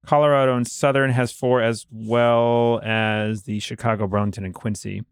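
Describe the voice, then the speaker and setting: A man of middle pitch talks through board game rules in a relaxed podcast conversation. He explains step by step, stopping now and then with fillers to recall figures. The sound is dry and close. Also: clean tone, no echo. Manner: explanatory, pauses with fillers while recalling details. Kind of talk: casual board game discussion.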